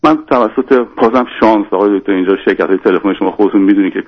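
Man, radio caller, rambling storyteller, muffled lo-fi audio. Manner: rambling, acts out quoted lines in a higher voice. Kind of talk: telling a personal story on a call-in show. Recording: dull lo-fi radio sound.

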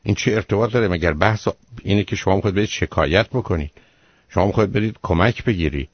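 A man's voice: low-pitched, breathy edge, dry recording, dull audio. A man hosting a radio call-in show as the advising doctor. He lectures the caller bluntly and keeps firing rhetorical questions.

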